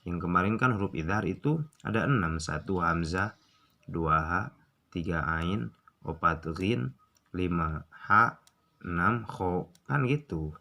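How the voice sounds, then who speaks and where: A young man with a Sundanese accent, teaching Quran recitation rules in a casual tutorial, drawing out examples slowly and asking and answering his own questions. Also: deep voice, vocal fry, sharp tone.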